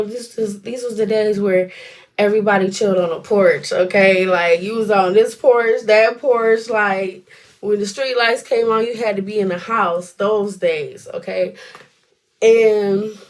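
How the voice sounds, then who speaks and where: A woman in her twenties tells a personal story in a chatty, colloquial way, rambling and dropping in little asides as she goes. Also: medium pitch. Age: 20s.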